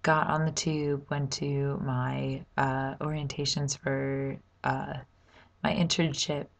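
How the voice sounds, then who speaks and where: A young American woman with a creaky voice chatting casually in a vlog, rambling and halting as she goes. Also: little pitch movement. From United States. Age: young adult. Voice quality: low, creaky voice. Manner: rambling, halting, informal with swearing. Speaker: vlogger.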